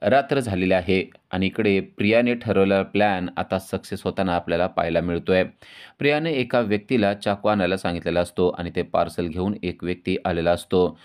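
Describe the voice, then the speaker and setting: Low, clear-voiced man recapping a serial. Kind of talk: episode recap narration.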